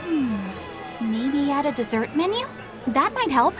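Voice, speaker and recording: An actress playing a gentle, polite young female traveller in a video game. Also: high voice, big pitch swings, unhurried, music in the background. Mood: kind, encouraging.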